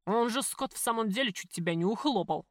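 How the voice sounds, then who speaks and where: A woman voicing a crude, jealous male mob boss who talks loudly and bossily in an audiobook. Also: on the high side, lively intonation, brisk, dry recording, clean studio sound, natural voice. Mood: gruff. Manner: loud, coarse, bossy.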